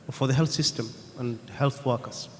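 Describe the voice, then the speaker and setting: A man on a conference panel answering audience questions in a measured, thoughtful way, pausing with "um" between points. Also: medium pitch, fairly even intonation, a little mellow. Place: conference hall. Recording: reverberant conference hall, faint room noise.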